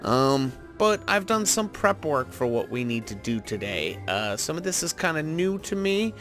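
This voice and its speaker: A man with a fairly high voice and big pitch swings hosts a gaming video series, speaking at normal speed. He thinks aloud casually as he plays, with soft music playing beneath his voice.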